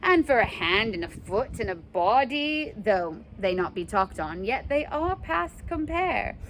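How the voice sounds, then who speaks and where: A woman's voice: medium pitch, big pitch swings, unhurried, fairly bright tone, low-quality recording. A woman playing a weary, aching old female nurse from a stage play, groaning, complaining and stalling theatrically, with faint noise behind. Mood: teasing, rambling.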